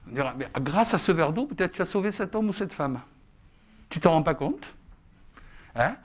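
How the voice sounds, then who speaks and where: A man preaching to a congregation as pastor, talking in a chatty, lively way and often tagging his sentences with "hein?" and a laugh. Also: on the high side, normal speed. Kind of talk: sermon. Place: church service with a congregation.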